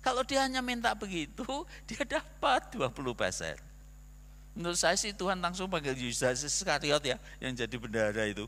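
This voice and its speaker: A male pastor preaching a sermon in a church, animated, with rhetorical questions and acted-out quotes. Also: a little high, moderate pace. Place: church sanctuary. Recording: long reverb of a church hall.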